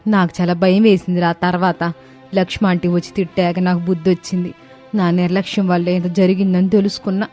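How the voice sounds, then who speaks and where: A woman's voice: lowish voice, level tone, brisk, dark tone, faint music behind, lightly acted. Lady voicing a cranky tv-loving mother-in-law, snippy and scolding. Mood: remorseful. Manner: scolding and dismissive. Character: lazy, sharp-tongued mother-in-law hooked on TV.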